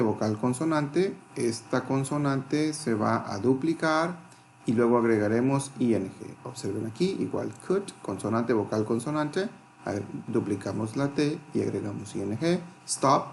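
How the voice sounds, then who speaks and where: A man's voice: mid-range voice, unhurried, gravelly, darkish tone, a little hiss or hum. Man teaching a grammar lesson. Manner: explains step by step, spelling out letters and translating examples. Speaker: English teacher. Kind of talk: grammar lesson explaining rules.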